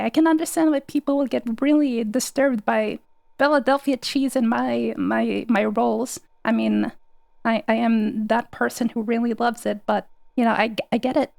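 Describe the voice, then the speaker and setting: A woman's voice: a little high, gravelly, no room sound. A young woman streaming, chatting casually and rambling, laughing often and swearing freely. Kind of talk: casual livestream chat.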